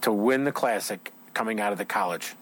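A man's voice: lowish voice, fairly quick, a little hiss or hum. A man hosting an outdoors show, chatting casually with a guest at a trade show, rambling with lots of fillers.

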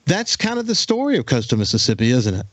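A man's voice: mid-range voice, sing-song, fast, dry recording. A man hosts a radio talk show in casual conversation. His voice is dry and close, recorded in a studio. He talks in loose, rambling runs with frequent restarts and fillers. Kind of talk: casual interview chat.

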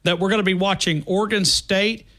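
A man's voice: high voice, steady tone, a little fast, a bit bright. A man hosting a call-in sports talk radio show, joking and rambling with callers. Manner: jokey, rambling.

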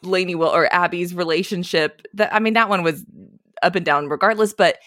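A woman co-hosting a casual TV recap podcast, chatting in an excitable, gushing way. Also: fairly low pitch, brisk, no echo, clean studio sound. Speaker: podcast co-host.

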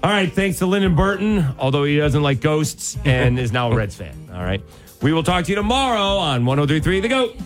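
A man's voice: on the high side, very animated, a little fast, soft background music. A man hosting sports radio in a casual, chatty style.

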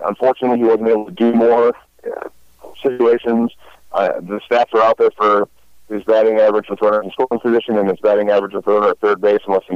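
Low voiced guy hosting a baseball pod, rambly with fillers, kinda muffled lo-fi. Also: dry recording. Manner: rambling, many fillers and restarts. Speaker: podcast host. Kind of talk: casual baseball talk.

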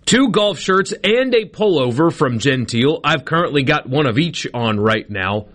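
A man's voice: a little high, animated, moderate pace, fairly bright tone. An American man hosting live sports talk radio in a casual, conversational way, spelling out details for listeners.

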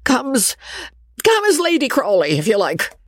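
A reader putting on a coarse old baronet. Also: male voice, very high-pitched, huge pitch swings, moderate pace, no room sound, pitched above the performer's own voice, exaggerated voice. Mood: pleading. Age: older. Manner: rustic ungrammatical speech, pleading. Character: old male baronet, blunt, coarse, pleading.

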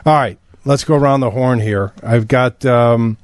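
A man's voice: medium pitch, normal speed, no room sound, studio quality. A man hosting a radio show, joking and repeating the phone number. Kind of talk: casual radio talk.

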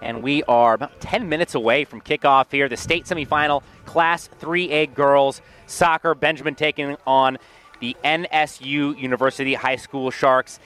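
A man hosting a live high school sports broadcast from a school field, chatting energetically with many fillers. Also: moderate pace, smooth. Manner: energetic, filler-heavy play-by-play chat. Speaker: radio sports host.

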